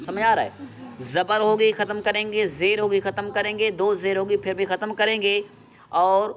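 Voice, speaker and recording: A man's voice: high-pitched, fairly even intonation, a bit bright. A man teaching Quran reading, stating a rule, asking his pupils what to do, and repeating their answers back. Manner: asks a question after each rule and repeats the answer. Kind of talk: drilling lesson with call-and-response questions.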